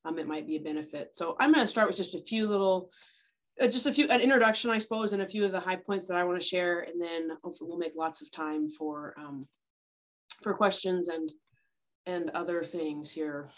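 Brief: woman extension educator on a video call, low-ish voice, chatty and friendly. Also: a little fast. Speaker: extension educator giving a compost talk. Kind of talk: informal webinar presentation.

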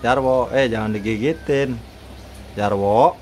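A man's voice: mid-range voice, a little slow, darkish tone, slight background noise. A man chatting playfully with his pet bird at home, coaxing it to repeat words and teasing it, recorded on a handheld phone. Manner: playful and teasing, laughs often. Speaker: bird owner and seller. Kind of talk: casual chat with a pet bird.

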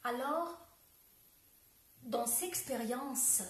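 A woman in her forties with an Italian accent, speaking French as a second language in a slow, searching way that often restarts. Her voice sits a little high, and she talks unhurriedly. It is recorded from a camera a few metres off in an echoey room at home. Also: far from the mic. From Italy. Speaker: dance teacher. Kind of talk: direct-to-camera video talk. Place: home room with bookshelves, indoors. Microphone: camera a few metres away.

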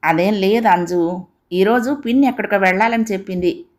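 A woman voicing a remarried father who coaxes his daughter and turns evasive and sharp in a storybook reading. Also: mid-range voice, normal speed, natural voice. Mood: coaxing. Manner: coaxing, then sharp and scolding.

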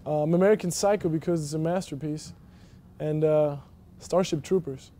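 A young adult college basketball player from Germany gives casual interview answers, relaxed but halting, with lots of ums and restarts. His voice is mellow and slightly high for a man. He's seated in an empty indoor arena.

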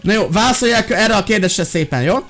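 A young man role-playing a fed-up teacher in a game, yelling, pleading and exclaiming in exasperation. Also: high voice, expressive, soft background music. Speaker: gaming YouTuber playing a teacher. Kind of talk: Minecraft role-play commentary.

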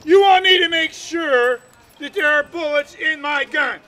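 A man playing a dim-witted, excitable town drunk in a live comic Wild West show, blustering and stammering. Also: very high voice, heavily acted. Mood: eager, dim. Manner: slow-witted, blustering, stammering, drawn-out shouts. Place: outdoors in a park. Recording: outdoor park show with crowd around.

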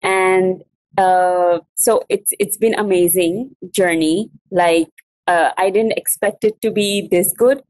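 A young woman from Pakistan, a student talking casually and haltingly about her studies on a video call from a classroom. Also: mid-range voice, fairly even intonation, a little mellow, low-quality recording. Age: young adult. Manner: halting, with many fillers and restarts. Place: classroom with whiteboard. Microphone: laptop webcam on a video call.

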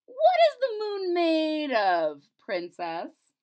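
A woman voicing a clever, gentle male court jester in a storybook reading, talking in a bright, coaxing way. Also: sits high, wildly swooping pitch, drawn-out words, voice pushed up, exaggerated voice. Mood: earnest, coaxing.

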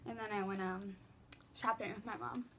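This is a teen vlogger doing a laid-back Q and A from her small bedroom, picked up by her laptop's webcam mic with background noise present. She speaks at a normal speed in a steady, gravelly, medium-pitched voice, full of fillers and restarts.

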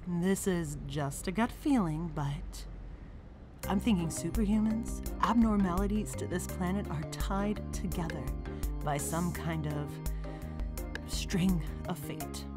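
Over music, a woman voices a cool, assured mentor who challenges others in an acted superhero comic dub. She speaks slowly in a fairly low pitch.

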